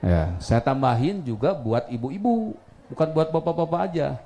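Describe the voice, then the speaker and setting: A man preaching a sermon to a live audience, telling animated stories with a touch of humor. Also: mid-range voice, normal speed, slight background noise. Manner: lively, animated storytelling with acted quotes and humor. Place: lecture hall with audience.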